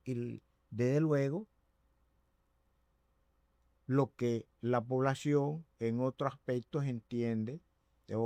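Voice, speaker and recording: Slow, deliberate, mellow-voiced man. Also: medium pitch, no echo. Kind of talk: political talk show interview.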